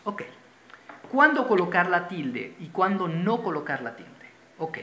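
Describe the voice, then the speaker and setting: A man's voice: high voice, sing-song, measured pace, sharp tone, slight background noise. Male teacher in a roomy space. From Venezuela. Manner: patient, repeats key terms, points at a board. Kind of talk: classroom-style grammar lesson. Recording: roomy echo.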